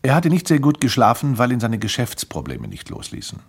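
Male storybook narrator, gravelly and husky, very lively pitch. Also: a little fast. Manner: lively, expressive reading. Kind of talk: storybook reading.

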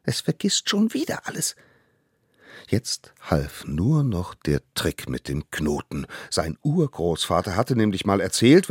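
Male storyteller, low gravelly voice, lively children's story reading. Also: dry recording, studio quality. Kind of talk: expressive children's story narration.

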